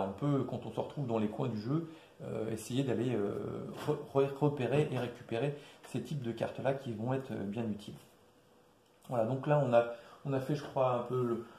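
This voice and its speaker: A man casually walking through a board game's rules, with many fillers and restarts, recorded quietly in an echoey room. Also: vocal fry. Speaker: board game presenter. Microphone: quiet distant mic. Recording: echoey room, low level.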